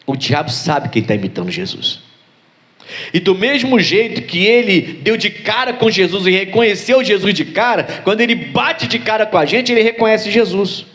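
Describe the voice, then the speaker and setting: A man's voice: high voice, expressive, moderate pace, a bit bright. A man, a pastor preaching a sermon, telling stories and asking his congregation rhetorical questions. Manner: storytelling with acted voices and rhetorical questions.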